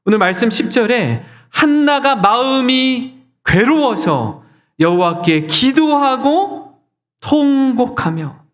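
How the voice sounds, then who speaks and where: A man's voice: very high-pitched, a bit bright. A male pastor preaching a sermon earnestly, putting rhetorical questions to his congregation.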